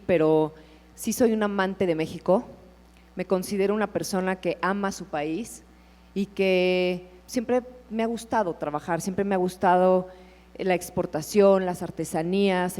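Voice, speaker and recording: A woman's voice: lowish voice, a little mellow, big-room sound. A woman introducing herself as a hotel owner on a panel, chatty.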